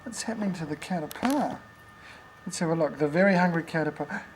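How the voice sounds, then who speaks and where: A man's voice: fairly high pitch, fast talker, slight background noise. An older man, playfully reading picture books to a toddler at home, with teasing questions and animal noises.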